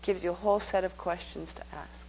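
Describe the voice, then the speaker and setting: A woman's voice: on the low side, steady tone, brisk, background noise. A woman leading a live workshop, speaking conversationally and guiding the group through exercises. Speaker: workshop teacher.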